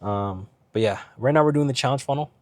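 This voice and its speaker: A business vlogger driving along talks briskly in a mid-range voice, recorded with no room sound. Ill, with his voice beginning to go, he rambles casually through fillers and asides, repeatedly asking "right?"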